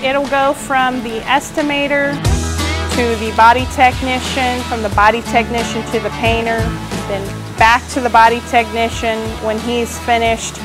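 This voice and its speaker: A woman in her thirties with a fairly high voice walks listeners through a large auto repair garage. She explains each step plainly and practically on a clip-on lapel mic. Background music plays clearly beneath her voice. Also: flat delivery, unhurried, low-quality recording. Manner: matter-of-fact, explanatory with fillers. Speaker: body shop manager. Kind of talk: guided workplace tour. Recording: music bed under the voice.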